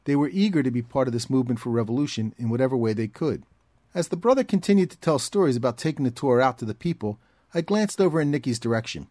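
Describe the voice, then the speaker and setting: Guy reading documentary narration, steady and measured, dry close sound. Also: mid-range voice, no room sound. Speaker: narrator and reporter.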